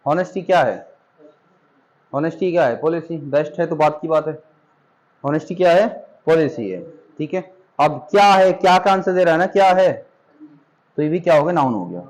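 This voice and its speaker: Man, teacher, slightly high voice, Hindi accent, patient, asks and repeats questions, classroom lesson. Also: lively intonation, moderate pace, long pauses, a little mellow, low-quality recording.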